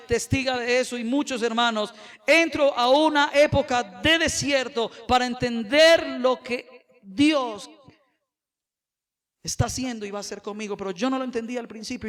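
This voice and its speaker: A man, a pastor preaching a sermon in a church, moving between quiet personal testimony and loud, emphatic preaching. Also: very high-pitched.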